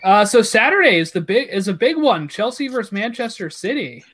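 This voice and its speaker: A man's voice: high voice, sing-song, fairly quick, fairly bright tone. A man hosting a casual sports chat, talking freely and reading out lists of fixtures and scorers.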